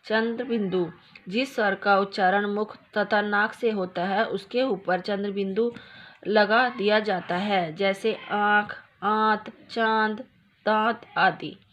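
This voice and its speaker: A woman teaching a school grammar lesson, reading out definitions one after another in a steady way. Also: mid-range voice, slow. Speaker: Hindi teacher. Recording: dull lo-fi sound with faint hiss.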